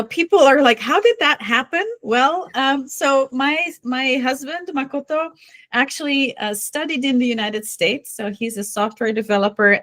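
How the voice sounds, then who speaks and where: A woman from Belgium, a guest consultant, talks in a friendly, explanatory way with a few fillers. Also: fairly high pitch. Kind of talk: casual interview talk.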